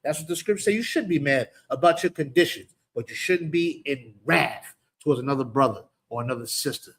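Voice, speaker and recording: A man's voice: medium pitch, a little fast, a bit bright. A man with a New York accent teaching a scripture class, emphatic and conversational, often checking that listeners understand. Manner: emphatic, keeps asking "you understand". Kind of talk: street-preaching scripture class.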